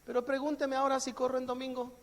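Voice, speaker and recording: Very high in pitch yet completely flat in delivery, this man talks fast. He's a pastor with a Mexican Spanish accent preaching a jokey sermon in which he acts out everyday exchanges, all captured with long hall reverb.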